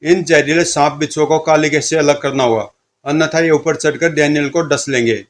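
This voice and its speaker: Guy reading as an earnest superhero, resolute and calm, comic storybook. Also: on the high side, a little fast, slight background noise, natural voice. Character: heroic serpent-powered young man, calm and loyal.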